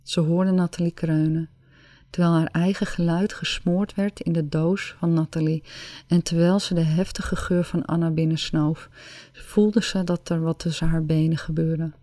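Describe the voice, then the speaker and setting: A woman narrating an erotic story in a slow, sensual, drawn-out reading. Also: low voice, flat delivery, mellow, no echo.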